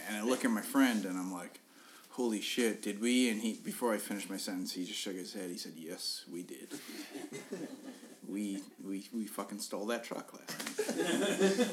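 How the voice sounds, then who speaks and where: A man's voice: fairly low pitch, slight background noise. A young man on a podcast telling a funny story in a casual way, swearing often, laughing at his own story and often restarting his sentences. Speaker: podcast co-host.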